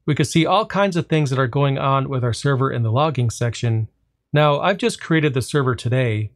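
A tech tutorial host narrates a screen-recorded walkthrough of a server tool in a middle-pitched voice. He explains each step in a relaxed, easygoing way, pausing a little and drawing out a "well" before each punchline.

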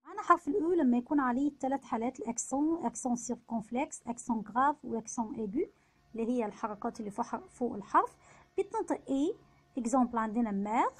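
A woman with an Egyptian Arabic accent giving an online French pronunciation lesson, patiently repeating each example word slowly. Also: sits high, a little mellow, slightly rough. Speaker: French teacher.

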